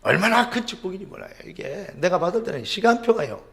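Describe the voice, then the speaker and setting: High animated Korean preacher man. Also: fast, gravelly. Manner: rhetorical questions, sudden drops to a low murmur. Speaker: pastor. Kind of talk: sermon.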